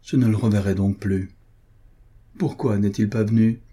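A man's voice: on the low side, fairly even intonation, normal speed, mellow, husky. A man reading the part of a devout, tender young duchess, in a plaintive inward monologue from a storybook. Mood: sorrowful.

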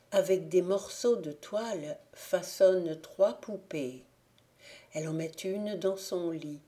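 Woman, audiobook reader, fairy tale narration, slow even telling, low mellow voice.

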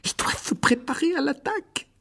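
Scared little wizard boy squealing way up high, guy narrator doing him, breathy storybook voice. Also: wildly swooping pitch, measured pace, pushed and bright, heavily acted. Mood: terrified. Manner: shrill panicked cries.

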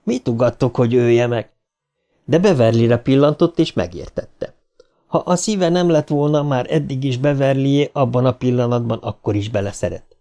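Brief: male narrator, warm dark voice, dramatic horror storytelling. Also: medium pitch. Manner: vivid, rising for shouted lines. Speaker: audiobook narrator. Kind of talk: dramatic audiobook reading.

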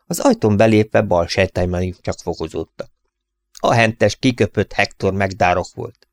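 A man narrating a humorous first-person audiobook in an expressive storytelling manner. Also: lowish voice, no echo.

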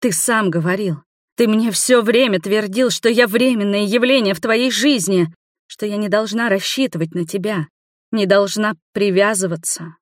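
A woman voicing a hurt young woman, shouting high and accusing at her former lover in an audiobook. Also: moderate pace, dry recording, clean studio sound, natural voice. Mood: bitter.

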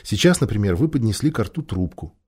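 A male reader voices a kind young girl queen in a storybook, earnest and gently pleading. The tone is mellow and only slightly raised above the narration. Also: on the low side, big pitch swings, brisk, breathy edge. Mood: gentle, pleading.

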